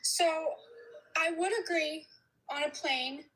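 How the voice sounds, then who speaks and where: A young woman calling into a livestream, arguing her point in a measured, calm way. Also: sits high, poor audio. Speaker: caller on a livestream. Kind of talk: debate with a livestream host.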